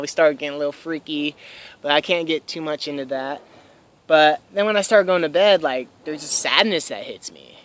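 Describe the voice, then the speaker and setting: A young man in his twenties telling a story casually to camera, excitable, swearing freely and laughing often. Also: fairly high pitch, clean tone. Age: 20s. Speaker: vlogger. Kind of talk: casual first-person storytelling.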